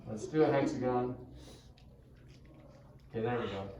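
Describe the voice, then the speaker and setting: A man's voice: mid-range voice, moderate pace, mellow, dull audio, slight background noise. A male math teacher giving a casual classroom lecture and checking in with the class often. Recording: echoey room, mic far off.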